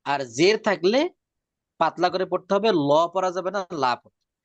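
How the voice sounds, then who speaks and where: Guy teaching quran reading, slightly high voice, patient, repeats rules, stretches words out slow, dull dry recording. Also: no room sound. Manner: drawn-out slow demonstration of words. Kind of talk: religious reading lesson.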